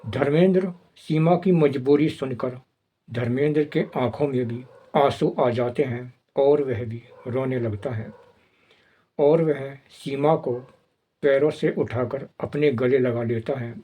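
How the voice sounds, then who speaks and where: A man narrating the plot of an old film in plain, steady storytelling. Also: mid-range voice, slow, husky.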